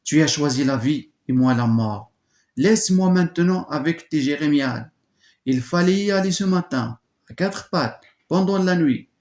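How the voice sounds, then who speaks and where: A man's voice: medium pitch, creaky, a little mellow. A man reading aloud the part of a young defiant woman, voice raised and dramatic, in an echoey room.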